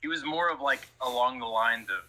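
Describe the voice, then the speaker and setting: A man's voice: mid-range voice, brisk, bright, forceful tone, poor audio. A man talking in a casual chat, rambling and emphatic with many restarts. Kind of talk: casual conversation.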